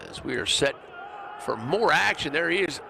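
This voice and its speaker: A man doing brisk, upbeat play-by-play commentary of a live football game from a stadium booth. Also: a little high, animated, bright, forceful tone, some chatter behind. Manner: brisk, upbeat calling of plays. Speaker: play-by-play announcer. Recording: broadcast mix with clear stadium noise.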